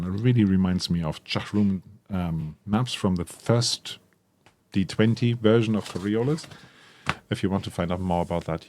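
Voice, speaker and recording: The speaker, a tabletop RPG content creator with a low-pitched, slightly mellow voice, unboxes a product with casual enthusiasm. He muses aloud, dropping frequent ums and correcting himself along the way.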